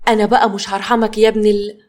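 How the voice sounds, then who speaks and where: A woman's voice: mid-range voice, level tone, very fast, a little mellow, close to an everyday voice. A woman with an Egyptian accent voicing an angry male police officer who commands and threatens. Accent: Egyptian Arabic. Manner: furious, commanding.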